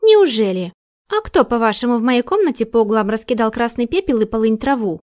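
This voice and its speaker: Woman reading a sharp-tongued young actress. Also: on the high side, expressive, fairly quick, dry recording, clean studio sound, close to an everyday voice. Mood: accusing. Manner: accusing, insistent.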